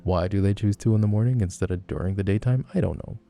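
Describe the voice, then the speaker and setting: Man playing a teasing, gravelly low-voiced flirty guy. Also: fast, warm tone, faint music behind. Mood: playful, rambling. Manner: teasing, playful, rambling. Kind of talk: flirty personal-attention role-play, casual chat.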